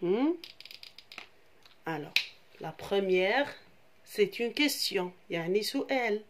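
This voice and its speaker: A primary school French teacher, a woman with a medium-pitched, animated voice, teaches young children a French grammar lesson at a slow pace. She repeats key terms and explains them again in Arabic. There's slight background noise.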